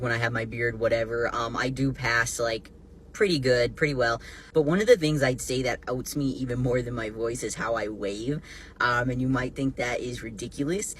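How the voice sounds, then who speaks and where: A man's voice: medium pitch, fairly bright tone, slight background noise. Chatty man, full of "um" and "like". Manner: chatty, many "um" and "like". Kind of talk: storytelling to camera.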